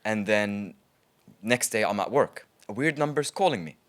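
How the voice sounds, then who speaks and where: Man, lower voice, trader guest, casual interview, chatty, frequent ums. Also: animated, normal speed, fairly bright tone.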